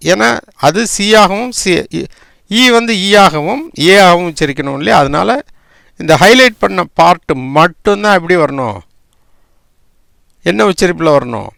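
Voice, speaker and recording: A man's voice: high-pitched, vocal fry, a bit bright, dry recording, clean studio sound. A man teaching English spelling and pronunciation, spelling words out letter by letter and often checking with "right?".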